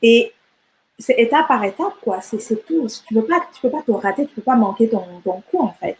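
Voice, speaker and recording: Speaking at a moderate pace with a fairly high, lively voice, this middle-aged entrepreneur from Rwanda is a guest in a relaxed interview. She talks animatedly, frequently restarting sentences and repeating words, and the recording quality is low.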